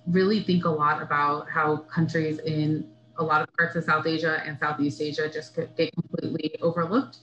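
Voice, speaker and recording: A woman's voice: deep voice, fairly bright tone, highs cut off. A woman who founded a book club, introducing the month's pick on a video call. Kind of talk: casual video-call discussion. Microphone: webcam on video call.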